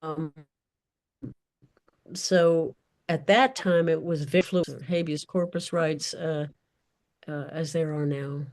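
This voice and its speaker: A woman's voice: deep voice, fairly even intonation, slow pace, pauses often, darkish tone. A woman author answering audience questions in an unscripted discussion, speaking carefully and often searching for her words. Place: virtual event.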